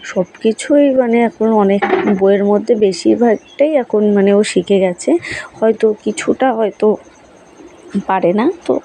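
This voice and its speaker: A woman's voice: mid-range voice, normal speed, dark tone, slight background noise, poor audio. A young woman, narrating her day in a casual, rambling home vlog with many fillers. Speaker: vlogger, housewife.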